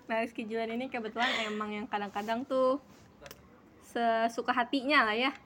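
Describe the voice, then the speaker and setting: Young woman cohost, kinda high voice, laid back slangy chat, laughs a lot. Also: little pitch movement, normal speed, fairly bright tone, slight background noise. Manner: easygoing, laughs often, slangy banter. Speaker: podcast co-host. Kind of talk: casual chat.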